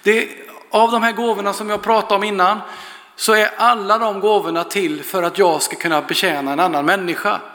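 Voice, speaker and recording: A man's voice: sits high, fairly even intonation, pushed and bright. A man preaching and praying, earnest and fervent, telling a story to his congregation. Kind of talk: sermon with prayer and storytelling. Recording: echoey hall with long reverb.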